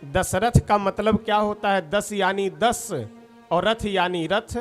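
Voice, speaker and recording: A man with a high-pitched voice tells a devotional story in sermon style. He plays with word meanings and slips into the characters' lines as he goes. Soft instrumental music sits faintly behind him. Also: slow pace. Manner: playful, explains word meanings, acts out characters' quotes. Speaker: religious storyteller.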